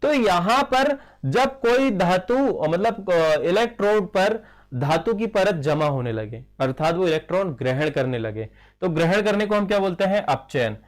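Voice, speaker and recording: A slightly high-voiced man teaching chemistry at a slow, deliberate pace. He poses questions and answers them himself, and he repeats key terms as if dictating notes. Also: expressive. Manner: mixes in English phrases; dictates slowly while writing. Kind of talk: classroom lecture.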